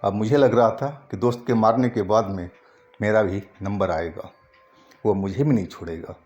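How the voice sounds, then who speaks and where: A man telling a first-person ghost story in Hindi narration, slow and halting with frequent pauses and restarts. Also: lowish voice, fairly even intonation, a little mellow, muffled recording, soft background music.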